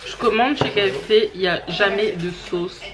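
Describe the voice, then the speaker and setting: A woman's voice: mid-range voice, moderate pace, echoey room. A young woman, a student chatting casually in a home vlog with many fillers. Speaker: student vlogger. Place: home, indoors.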